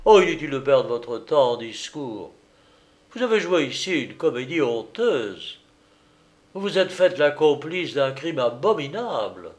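A man reading aloud and voicing a stern male doctor who scolds loudly and forcefully. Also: medium pitch, sing-song, measured pace.

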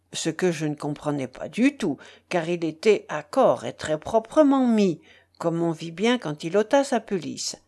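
A woman reading a classic novel aloud, unhurried and measured. Her pitch sits in an ordinary middle range, and each sentence is laid out slowly and clearly. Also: a little mellow. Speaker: audiobook reader. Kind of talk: scripted novel narration.

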